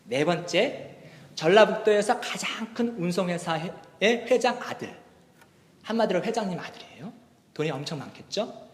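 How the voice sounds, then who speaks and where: A man's voice: sits high, lively intonation, moderate pace. A male pastor telling a playful story during a sermon in a church sanctuary, speaking through a pulpit microphone. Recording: reverberant church hall.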